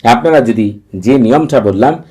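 A man teaching a religious ritual to viewers, giving steady, repetitive step-by-step instructions. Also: medium pitch, moderate pace, slightly rough. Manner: recites long Arabic formulas in a chanting cadence.

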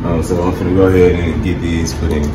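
Working in a small, noisy game room at home, a thirtysomething man talks his way casually through a hands-on product demo for his DIY video. His low voice comes across flat and a little fast, with music running underneath.

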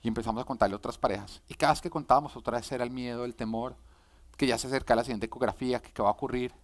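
A young man preaching as a pastor, swinging between loud urgent pleas and quiet, confessional storytelling. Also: medium pitch, fairly even intonation, very fast. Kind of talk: sermon.

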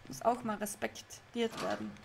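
A chatty young woman with a slightly high voice plays a game live from her room and talks with her viewers. She laughs a lot and keeps losing her way. A faint hiss sits under her voice. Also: level tone, moderate pace, gravelly. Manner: chatty, laughs often, easily confused. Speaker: streamer. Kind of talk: live let's play with chat reading. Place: home room.

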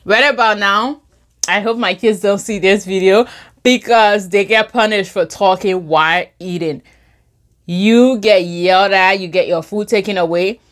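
A woman's voice: mid-range voice, fairly even intonation, moderate pace, fairly bright tone. A middle-aged woman from Liberia, chatting casually to camera at her table at home while she eats. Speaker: vlogger. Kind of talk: casual mukbang chat to camera.

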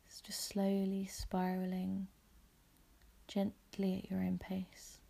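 This woman leads a guided visualisation meditation, her medium-pitched voice soft, husky and breathy. She keeps her phrases calm, gentle and evenly measured to soothe the listener.

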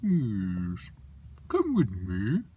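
A man voicing an odd little gold-making underground creature in a high, drawn-out, sing-song voice, heard a little away from the mic. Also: huge pitch swings, phone-quality sound, a little hiss or hum, heavily acted. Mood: cheery, eager.

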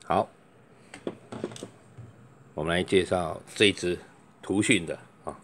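In this product demo, a low-voiced salesman with a somewhat bright tone pitches microphones over a little hiss or hum. His manner is chatty and relaxed: he stretches out "oh" to fill gaps and tries each mic by calling into it.

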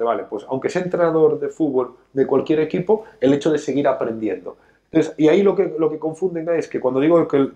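This man in his 30s, a financial educator and show host, sits on a sofa in a talk show studio, hammering his point home with plenty of gestures and an emphatic, lecturing manner. His voice is fairly high with a dark tone.

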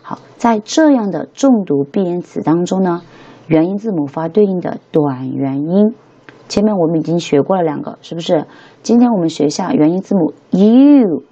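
Young woman, chatty teacher, low and husky, lo-fi recording. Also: expressive, normal speed, dark tone. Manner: chatty, keeps checking with listeners. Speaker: English teacher. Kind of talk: casual spoken lesson.

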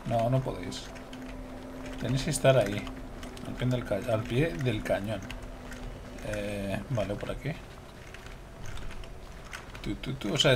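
A man's voice: medium pitch, background noise. A young man with a Spain Spanish accent commenting casually on his gameplay, swearing, laughing and talking to his viewers. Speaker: gameplay streamer.

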